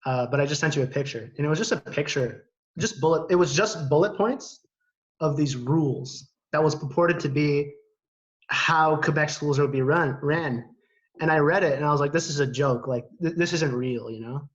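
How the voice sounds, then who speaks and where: Male co-host from Canada, higher register, animated informal storyteller, video-call sound a little muffled. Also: normal speed. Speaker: live stream co-host. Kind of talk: casual chat. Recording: slightly dull video-call audio.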